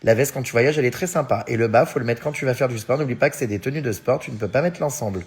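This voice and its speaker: A man's voice: medium pitch, fast talker, slightly rough. Chatty French vlogger man, filler-heavy. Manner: chatty, many fillers like hein and euh; often laughs while talking. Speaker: vlogger reading and answering fan messages. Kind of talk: casual story chat to followers.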